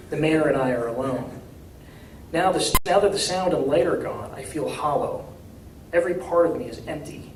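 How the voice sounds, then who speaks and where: An author reads from his novel at a live university event, giving a dramatic first-person narration in a measured, deliberate way. His voice is fairly high with a darkish tone. The recording is distant and echoey, with faint room noise.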